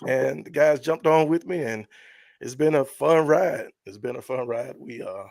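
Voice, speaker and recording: A middle-aged man talks in a relaxed, easygoing way, laughing often and repeating himself. His voice is gravelly, and the sound is dry and close. He comes across as a podcast host in a casual chat. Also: mid-range voice, moderate pace, no echo. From Atlanta, USA.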